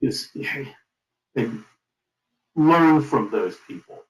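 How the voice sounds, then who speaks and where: Interviewed about founding his company, a middle-aged man offers advice with deliberate emphasis in a conversational tone. His voice is mid-range with lively intonation, captured in an echoing, roomy space.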